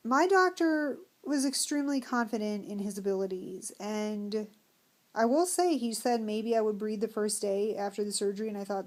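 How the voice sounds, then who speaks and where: A middle-aged American woman talking casually in a personal vlog, candid and self-deprecating, often pausing mid-thought. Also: a little high. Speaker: vlogger.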